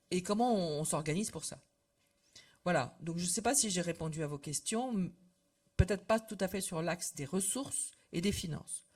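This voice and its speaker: An older woman addressing association members in a casual, conversational way, with many fillers and trailing phrase ends. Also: fairly low pitch. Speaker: association representative. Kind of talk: informal talk to members. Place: meeting room with audience.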